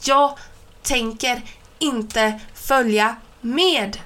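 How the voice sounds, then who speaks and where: A woman's voice: a little high, animated, fairly bright tone. A woman voicing a stubborn young schoolboy who speaks in curt, sullen bursts.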